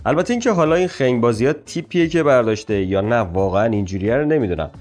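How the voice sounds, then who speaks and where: A man's voice: on the low side, darkish tone. A man giving a casual, opinionated spoken review as the channel's host. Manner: opinionated, chatty critique. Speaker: show reviewer.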